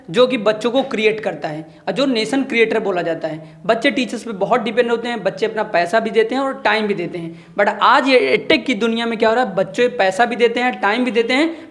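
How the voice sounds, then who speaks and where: A man's voice: extremely high pitch, a bit bright. A man who is a teacher speaking passionately in a discussion, making a moral appeal to his listeners. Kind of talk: opinion discussion.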